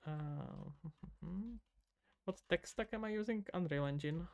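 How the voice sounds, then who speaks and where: This Czech-accented indie game developer from the Czech Republic codes on a live stream, mumbling to himself and casually chatting with viewers. His voice sits high yet sounds gravelly and darkish, slow-paced, and the recording is muffled.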